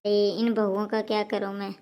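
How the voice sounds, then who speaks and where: A woman's voice: mid-range voice, flat delivery, normal speed, a little mellow, pitched below the performer's own voice, lightly acted. A woman playing a scolding, grumbling old mother-in-law in a homemade family skit. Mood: complaining. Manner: nagging, complaining.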